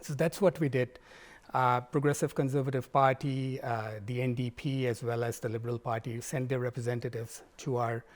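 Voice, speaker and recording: A man speaks as a guest candidate. His delivery is measured and formal, and he tells his story steadily at a middle pitch. He answers questions in a plain, unhurried interview manner. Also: flat delivery. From Pakistan.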